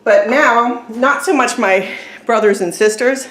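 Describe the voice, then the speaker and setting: Slow, chatty woman in an echoey kitchen. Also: fairly high pitch, a bit bright. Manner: chatty and rambling. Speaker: vlogger. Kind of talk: casual decluttering vlog. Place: home kitchen. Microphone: camera on a tripod. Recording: echoey room with faint noise.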